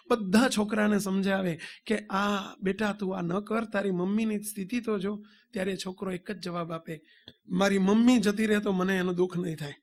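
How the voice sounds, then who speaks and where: A man with a high voice and a Gujarati accent delivers a sermon to devotees. He tells a story and acts out the lines of the people in it, calling out to his listeners as he goes. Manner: addresses devotees, acts out dialogue. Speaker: swami preacher.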